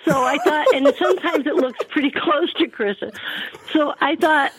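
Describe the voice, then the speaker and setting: A woman's voice: high-pitched, normal speed, a little hiss or hum, rough recording. An older woman talking over a phone on speakerphone, chatty and rambling, laughing easily. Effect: heard over a phone on speakerphone. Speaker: guest calling in by phone. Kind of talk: casual chat.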